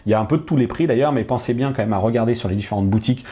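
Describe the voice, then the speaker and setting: A man hosting a casual tech chat, agreeable and talkative, filling gaps with quick agreement. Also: mid-range voice, dark tone. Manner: chatty, agreeable, frequent ouais. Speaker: tech show host.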